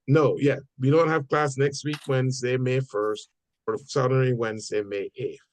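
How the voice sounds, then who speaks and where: A man leading a church Bible study group, talking in a halting way with many fillers and repeated words. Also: mid-range voice, steady tone. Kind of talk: casual group discussion. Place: church meeting room.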